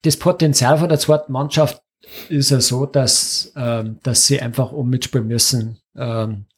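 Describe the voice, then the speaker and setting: A man, co-hosting a casual chat, rambling quickly. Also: mid-range voice, steady tone. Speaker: podcast co-host.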